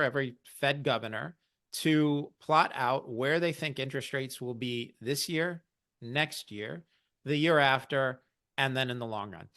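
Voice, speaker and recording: A man hosting an investing podcast, explaining central bank news in a wry, conversational way. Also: medium pitch. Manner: explanatory, wry, lively asides. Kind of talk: conversational market commentary.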